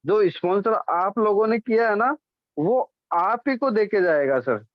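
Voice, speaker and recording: High-voiced man explaining a plan. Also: animated, measured pace, no room sound. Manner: repeats "ठीक है?" to check on listeners, corrects himself often. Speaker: presenter explaining a business plan. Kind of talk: explanatory presentation. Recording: dull, dry lo-fi sound.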